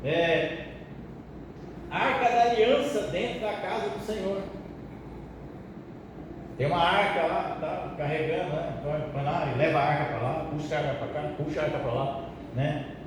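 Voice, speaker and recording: Casual brazilian pastor teaching bible study, high voice, sounds far off in a big echoey hall. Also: male voice, moderate pace, pauses often. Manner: colloquial, joking, asks the audience questions. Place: church hall. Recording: echoey hall, distant mic, background noise.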